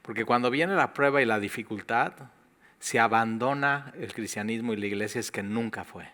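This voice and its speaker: A man with a Mexican Spanish accent preaching a sermon as pastor, in a conversational, lively way with quoted asides. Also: medium pitch, moderate pace.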